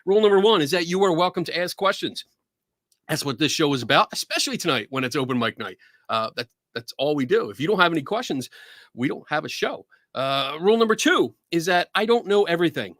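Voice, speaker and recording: An excitable man with a Philadelphia accent chats casually as host of a live show. His voice sits on the high side and swings widely in pitch. It has a bright, forceful ring. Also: quick pace, no room sound, studio quality. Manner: excitable, laughs often, cheers. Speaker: podcast host. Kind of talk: casual livestream chat.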